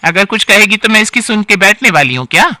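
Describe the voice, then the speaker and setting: A man voicing a sharp-tongued, bossy elderly aunt-in-law in a storybook tale, scolding and sighing complaints. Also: high voice, expressive, quick pace, dry recording, studio quality, exaggerated voice. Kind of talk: storybook character acting.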